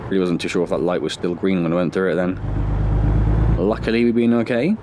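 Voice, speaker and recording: With background noise audible, a man speaks fast in a low voice, hosting his own gaming channel. Nursing a slight head cold, he thinks aloud through a driving game in casual let's-play style, keeping it chatty and making self-deprecating asides.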